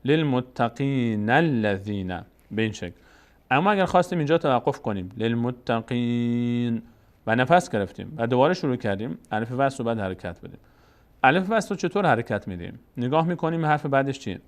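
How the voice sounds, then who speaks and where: A man teaching Quran reading, explaining the rules patiently and slowly sounding out each syllable. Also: medium pitch, very animated. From Tajikistan. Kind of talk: step-by-step recitation lesson.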